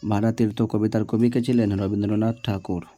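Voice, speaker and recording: Low flat-voiced man teacher. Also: brisk, a little hiss or hum. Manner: reads each question, answers it, checks with "ঠিক আছে?". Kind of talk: exam answer walkthrough.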